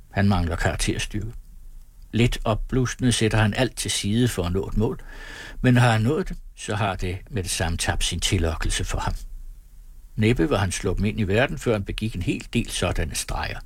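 A man reading the part of a gruff but well-meaning older gentleman in a storybook, speaking earnestly and persuasively. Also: lowish voice, lively intonation, no room sound.

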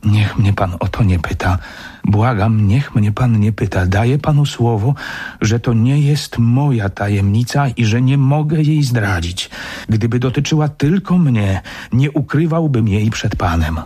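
A man's voice: medium pitch, measured pace, mellow, husky. A man voicing a fearful middle-aged butler in a radio reading, pleading and evasive.

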